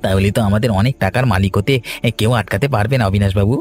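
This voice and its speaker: A greedy, fawning accomplice in a cartoon, played by a man, rattling along quickly in an eager way. His voice is lowish, with faint music beneath. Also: lightly acted. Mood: excited. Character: greedy excitable male accomplice, crooked buyer. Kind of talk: animated cartoon voice acting.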